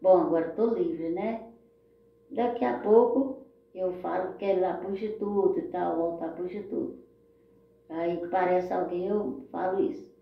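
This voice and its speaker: A Brazilian woman with a fairly low, fry-tinged voice tells her own life story at a normal pace, heartfelt and rambling, often turning to address her listeners. The recording is dull and lo-fi, with strong echo surrounding her Brazilian Portuguese-accented speech.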